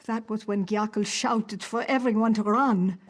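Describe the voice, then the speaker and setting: A woman's voice: medium pitch, steady tone, moderate pace, lightly acted. An actress voicing a worried, grieving farm wife and mother in a fantasy video game, earnest and pleading.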